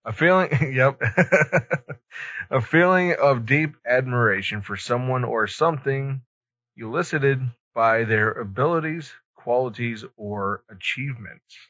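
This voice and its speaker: Speaking slowly at a medium pitch with a slightly bright tone, this man hosts a casual podcast conversation. He comes across as hesitant, giving short, tentative answers. The audio is dry, dull and lo-fi.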